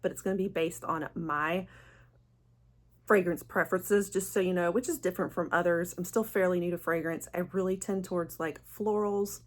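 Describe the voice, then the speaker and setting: A woman's voice: on the low side, fairly even intonation, normal speed. A woman hosting a casual, chatty fragrance review vlog in a gushing, enthusiastic manner. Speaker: fragrance vlogger, channel host.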